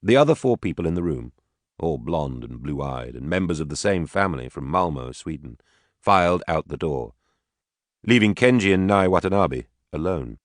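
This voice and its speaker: A man narrating an audiobook in a steady, even reading voice. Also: very deep voice, normal speed, no echo, studio quality. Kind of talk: scripted narration.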